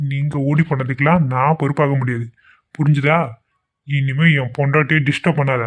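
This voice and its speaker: A man's voice: medium pitch, close to an everyday voice. A man voicing a blunt, defiant young husband who talks curtly and scornfully in a cartoon. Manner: curt, scornful. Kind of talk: amateur cartoon voice acting. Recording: tinny phone-like lo-fi audio.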